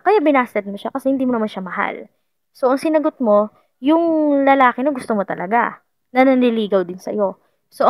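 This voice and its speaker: A woman's voice: on the high side, dry recording. A woman doing a casual tarot reading for viewers, chatty and playful, often repeating herself and laughing. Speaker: tarot card reader.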